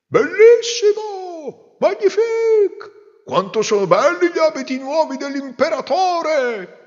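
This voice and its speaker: A man voicing a gushing crowd of townsfolk in a shrill falsetto, stretching out his exclamations. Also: sing-song, in a large hall, dull audio, exaggerated voice. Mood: ecstatic. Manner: drawn-out exclamations.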